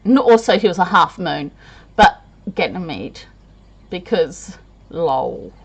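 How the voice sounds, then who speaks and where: A woman's voice: on the low side, sing-song, slow, creaky, husky. A tired woman chatting to camera in a rambling, self-deprecating way, laughing often. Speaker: vlogger. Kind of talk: casual chat to camera.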